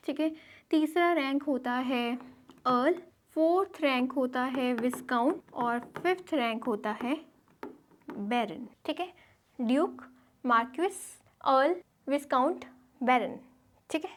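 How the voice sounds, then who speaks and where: A woman's voice: sits high, takes it slowly, pauses often, a little hiss or hum. A woman with an Indian accent teaching English grammar in Hindi, checking in with listeners as she goes. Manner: explains in Hindi, checks in with frequent "theek hai". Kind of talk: classroom lecture over slides.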